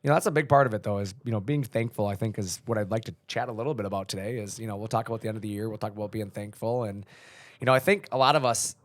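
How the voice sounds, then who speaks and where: Fast-talking low-voiced podcast host man. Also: dry recording. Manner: relaxed, rambling, frequent fillers and laughs. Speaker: podcast host, company leader. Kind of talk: casual business podcast chat.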